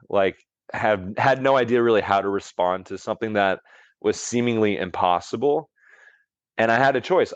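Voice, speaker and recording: This is a man with a fairly low voice, recorded without room sound but muffled. He's a longevity coach appearing as a podcast guest, telling a story casually and rambling, with lots of "like" and frequent restarts.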